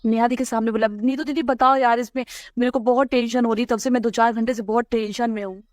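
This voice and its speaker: A woman on a recorded phone call, talking anxiously with many hurried restarts. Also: fairly high pitch, steady tone, no room sound, clean studio sound. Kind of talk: worried phone conversation.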